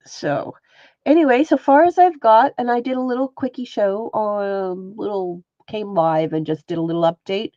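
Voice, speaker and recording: A woman with a congested, sniffling nose chats with viewers by name during a laid-back livestream where she shows her stitching work as a textile artist. She speaks at a moderate pace in a dark, medium-pitched voice, and the audio is dull with no room sound.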